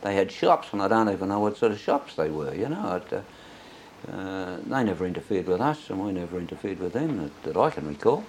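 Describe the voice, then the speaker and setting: An old Australian man with a fairly low voice reminisces as a veteran looking back on his life. He tells it in a rambling, anecdotal way, as in an oral history interview, with noticeable noise behind him. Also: sing-song, a little fast, a little mellow, poor audio. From Sydney, Australia. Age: elderly.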